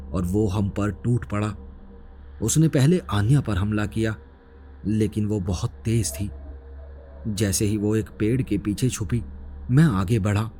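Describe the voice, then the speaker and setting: A man's voice: lowish voice, dark tone, slight background noise. A man narrating a horror story in a grave, suspenseful scripted delivery.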